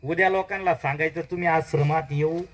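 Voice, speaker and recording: A man with a Marathi accent preaching a devotional story in kirtan style, asking the crowd quick questions and swinging up loud on key words. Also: steady tone, rough recording. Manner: call-and-response questions, dramatic rises in pitch and volume.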